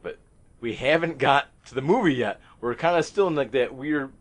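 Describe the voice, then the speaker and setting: A man's voice: medium pitch, normal speed. A man hosting a podcast, telling a story among friends in a casual, profane, self-mocking way.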